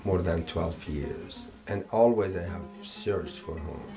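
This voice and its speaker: An Iraqi musician whose first language is Arabic gives a reflective personal interview in a low, gravelly voice, with music playing underneath. He speaks haltingly, repeats words, and uses non-native grammar.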